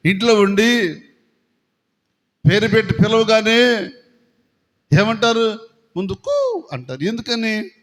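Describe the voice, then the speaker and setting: A man preaching a sermon to a congregation. He asks them questions and acts out voices from the story. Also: high voice. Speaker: pastor. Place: prayer hall. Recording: long hall reverb.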